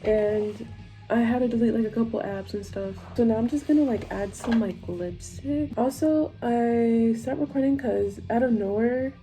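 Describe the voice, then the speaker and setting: In poor audio with music in the background, a young adult vlogger talks at a moderate pace in a mellow, somewhat high voice. She rambles casually and swears as she chats through getting ready, sounding stoned.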